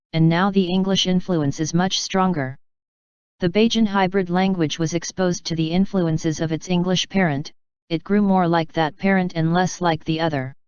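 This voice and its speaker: A woman reading scripted educational narration in a measured, formal, explanatory way. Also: fairly low pitch, a little mellow, clear, resonant tone, no room sound, lo-fi sound.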